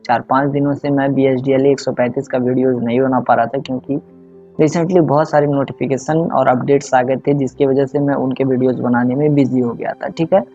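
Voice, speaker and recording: A man teaches students through exam questions in a relaxed, conversational way, pausing often to check they follow and dropping in English phrases. His voice is mellow and warm, and the recording sounds slightly muffled. Soft music plays faintly behind him. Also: medium pitch. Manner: conversational, frequent "ठीक है?" check-ins, mixes English phrases. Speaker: online tutor. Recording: slightly dull audio with faint background music.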